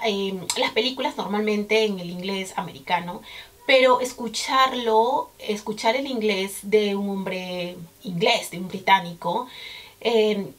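A Peruvian woman in her thirties with a Peruvian Spanish accent, chatting casually to camera as a vlogger and repeating words for emphasis. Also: on the high side. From Peru.

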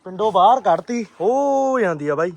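A man giving casual, animated vlog commentary, often repeating short phrases. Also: high-pitched, normal speed, no echo. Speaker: pigeon keeper and vlogger.

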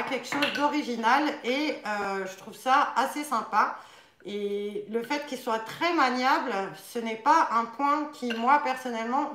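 A young French speaker runs a casual live stream from her living room, showing off nunchaku models as an instructor. Her voice is a little high, and she chats with lots of fillers while demonstrating. The camera sits across a table, so the room sounds echoey, with some background noise.

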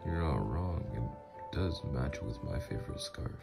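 In an ASMR roleplay with music behind him, a man plays a mafia boss doting on his lover, flirty and teasing. His extremely deep, gravelly, exaggerated voice swings freely in pitch with lively intonation, unhurried, intimate, and reassuring.

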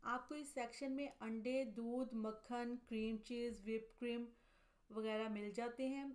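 A woman from Pakistan, speaking, gives steady, matter-of-fact voice-over narration as a vlogger and mother, listing items and prices one by one. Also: fairly high pitch, measured pace. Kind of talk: scripted voice-over narration of a store tour.

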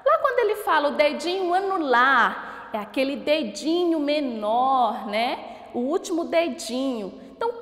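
A Brazilian woman with a Brazilian Portuguese accent teaches young pupils in a recorded school lesson, her high, bright, sing-song voice swinging widely in pitch. She speaks slowly, drawing out each word syllable by syllable, asking questions and praising answers. The room has a long, roomy reverb.

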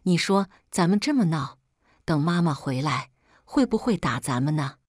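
Woman voicing a timid soft young woman. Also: deep voice, expressive, moderate pace, no echo, clean studio sound. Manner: soft, tearful pleading.

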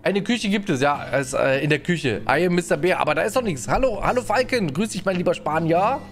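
A man's voice: on the high side, animated, brisk, soft background music. A man streaming a game live, chatting and greeting viewers as he plays, often tagging his sentences with a questioning "ne?". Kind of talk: live gameplay commentary.

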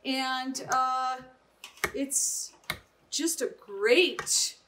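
A woman's voice: high-pitched, extremely slow, noisy background. A middle-aged woman chef giving an upbeat cooking demonstration in a home kitchen, often checking in with "right?".

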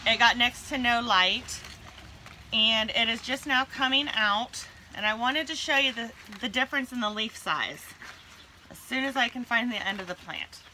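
A woman's voice: a little high, normal speed, slight background noise, low-quality recording. A woman hosting a plant vlog, talking casually and chattily as she walks around outdoors. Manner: chatty and relaxed, with frequent fillers. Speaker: plant vlogger host.

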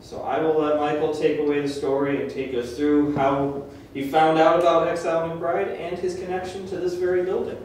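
A man hosting a museum talk, introducing the guest in a friendly, halting way. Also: a little high, little pitch movement, darkish tone, slight background noise. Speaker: host. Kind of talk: event introduction. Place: museum lecture room. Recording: echoey room from far off.

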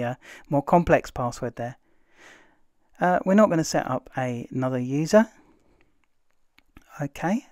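A man, casually talking through a computer tutorial as host, relaxed and filled with "uh" pauses. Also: medium pitch, no echo, studio quality. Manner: relaxed, chatty, many "uh" fillers. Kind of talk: casual screen-recorded tutorial narration.

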